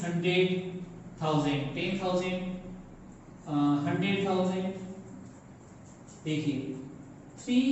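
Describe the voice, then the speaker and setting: A man teaching a math lesson, slowly counting out place values over and over. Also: high voice, darkish tone, a little hiss or hum. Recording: echoey room from far off.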